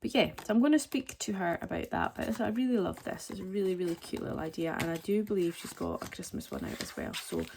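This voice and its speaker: Her mid-range voice is sing-song and a little mellow, and she talks fast with hardly any pauses. She's a budgeting vlogger in her forties, rambling through a casual chat as she shows her budgeting items and pokes fun at herself. Crinkling packaging sounds right by the microphone.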